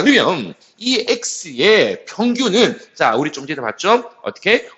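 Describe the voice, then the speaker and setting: A man's voice: high voice, fairly bright tone. A man teaching a math lesson, repeating key terms and starting many phrases with a filler word to pace his explanation. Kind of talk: classroom math lecture. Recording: slightly dull lo-fi sound.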